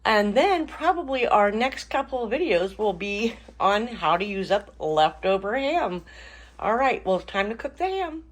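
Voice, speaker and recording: A woman's voice: medium pitch, unhurried. Chatty woman vlogging in her kitchen. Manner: chatty, relaxed, many fillers and little laughs. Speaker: cooking channel host. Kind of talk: casual kitchen vlog narration. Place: home kitchen.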